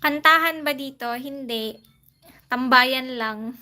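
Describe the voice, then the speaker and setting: A woman with a high voice chats unhurriedly through a casual live stream. She greets viewers one by one and answers their comments, breaking into light laughs along the way. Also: slow, pushed and bright.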